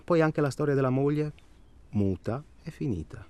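An actor takes the part of a chatty, nervous husband in middle age for a naturalistic radio drama, rambling with hesitation, repeating himself and seeking agreement. The male voice is medium-pitched, mellow and lively in intonation at normal speed, lightly acted, with a confiding, wry mood.

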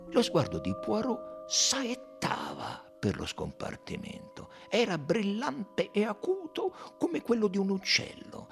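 A man reading an audiobook aloud with expressive, dramatic narration. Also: high-pitched, vocal fry. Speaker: audiobook reader.

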